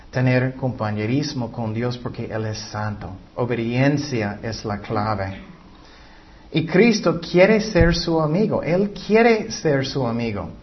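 A man's voice: mid-range voice, lo-fi sound. A man preaching a sermon in Spanish, reading scripture aloud and acting out the voices he quotes, sometimes stumbling and correcting himself.

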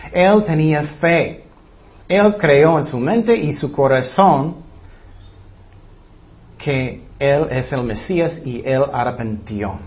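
A man preaching a sermon in halting Spanish with grammar slips, often asking the crowd rhetorical questions. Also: on the high side. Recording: dull lo-fi recording.

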